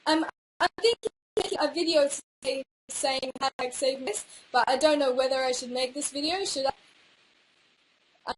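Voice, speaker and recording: A woman's voice: sits high, normal speed, slight background noise, low-quality recording. A young woman chatting casually on a livestream, reading out viewer quotes in a rambling, hesitant way.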